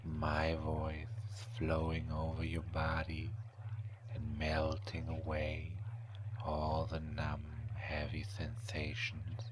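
A man whispering a hypnotic ASMR relaxation induction in a soothing, repetitive way, with drawn-out phrases and pauses. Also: a bass voice, completely flat delivery, background noise.

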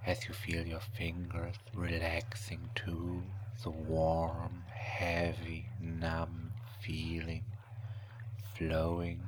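A man narrating a scripted relaxation hypnosis in a slow, soothing, hushed and breathy, often whispery voice, close to the microphone. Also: low-pitched, background noise.

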